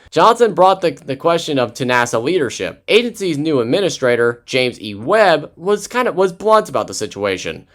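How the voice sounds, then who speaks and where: A man narrating a history documentary casually, with chatty asides and frequent self-corrections. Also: on the high side. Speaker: history video host.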